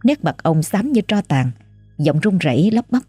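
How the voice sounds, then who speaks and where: Woman reading a ghost story, low husky voice, slow and creepy, soft music behind. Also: big pitch swings, no echo. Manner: measured, suspenseful delivery. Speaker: narrator. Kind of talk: scripted ghost story narration.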